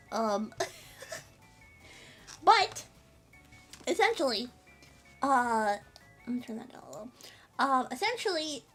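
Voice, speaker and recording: Woman, streamer, bubbly, rambling, high voice, faint background music. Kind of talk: casual livestream chat.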